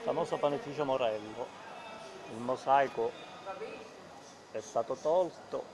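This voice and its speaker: A man's voice: mid-range voice, measured pace, poor audio. A man giving brief, casual narration of the sights while filming a walk outdoors. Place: outdoors in a Palermo street market. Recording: busy outdoor crowd around the voice.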